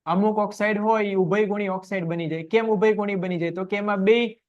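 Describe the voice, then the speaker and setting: In an online science class, a high-voiced man speaks fairly quickly, tossing out brief questions and answering each one himself in a steady, drilling cadence. The recording is dull and low-fidelity.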